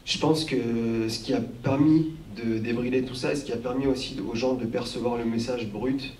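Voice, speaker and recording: A man's voice: mid-range voice, steady tone, normal speed, darkish tone, slight background noise. A man in his thirties from France speaking on a live panel, thoughtful, with many fillers and restarts. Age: 30s. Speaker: panel guest, record collector and documentary maker. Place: hall with an audience. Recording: roomy hall from a distant mic.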